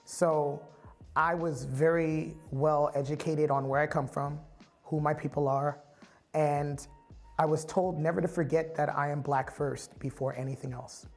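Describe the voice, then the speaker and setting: A man's voice: on the high side, flat delivery, measured pace, a little mellow, soft background music. A man from the Bay Area giving a candid, reflective personal testimony as a storyteller. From San Francisco Bay Area.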